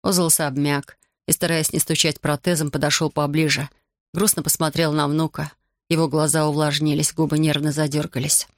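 Audiobook narrator, gravelly voice, dead dry close mic. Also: medium pitch, level tone, normal speed, no room sound. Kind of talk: scripted narration.

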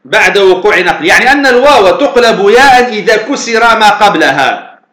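High, bright-voiced male teacher. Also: lively intonation, brisk, reverberant. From Tunisia. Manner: repeats phrases and asks rhetorical questions. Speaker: religious teacher. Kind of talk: classroom lesson explanation.

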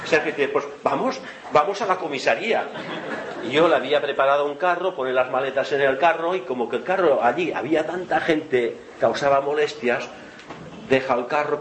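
A man telling a long funny anecdote to a live audience, chatty and often laughing. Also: mid-range voice. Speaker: event organizer. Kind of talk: storytelling to an audience. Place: lecture hall with audience. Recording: roomy hall with noise.

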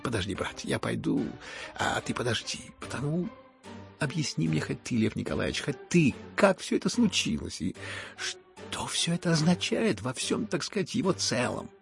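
A man's voice: lowish voice, sing-song, normal speed, vocal fry, faint music behind. A man reading an audiobook and voicing a confused, fatherly old general who stammers and exclaims. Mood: bewildered.

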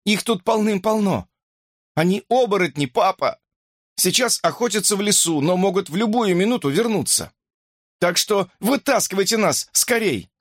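A man's voice: high-pitched, expressive, normal speed, no room sound, clean studio sound, voice pushed up. A man voicing a frightened boy urgently pleading with his father in an audiobook.

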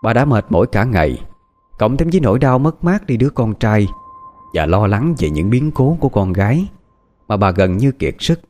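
A man narrating a ghost story audiobook in a steady, even way. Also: fairly low pitch, normal speed.

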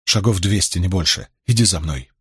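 A man's voice: low voice, brisk, a bit bright, breathy edge, no echo, clean studio sound, heavily acted. A man voicing a proud, anxious young priestess who speaks sharply and nervously. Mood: pleading.

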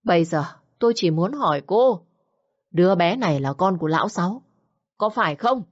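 A woman's voice: on the low side, expressive, normal speed, highs cut off. A woman voicing a stern, wronged older woman who questions coldly and sharply. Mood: suspicious.

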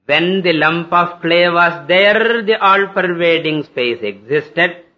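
A man with a South Indian accent giving a spiritual lecture, explaining step by step in a didactic way with rhetorical questions and deliberate repetition. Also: sits high. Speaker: spiritual teacher. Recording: dull lo-fi lecture recording.

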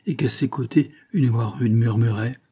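A man reading a nineteenth-century novel aloud, in measured literary narration. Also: medium pitch, dark tone, breathy edge. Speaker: audiobook reader.

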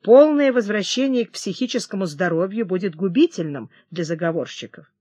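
An audiobook narrator reading a historical novel in a measured, dramatic way. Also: mid-range voice, expressive, a little mellow, breathy edge, no echo.

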